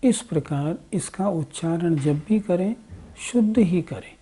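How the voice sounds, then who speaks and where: A woman teaching the correct recitation of a prayer, chanting each line slowly and explaining its meaning with careful pronunciation. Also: fairly low pitch, lively intonation, dark tone, breathy edge. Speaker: religious teacher. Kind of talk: slow devotional recitation and explanation.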